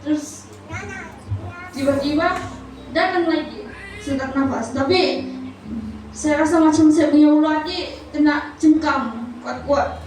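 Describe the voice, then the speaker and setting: A church member gives her personal testimony at a service, speaking softly and hesitantly with many pauses. Her high voice reaches the mic from far away in a very echoey church hall, with a clear noisy hum behind her.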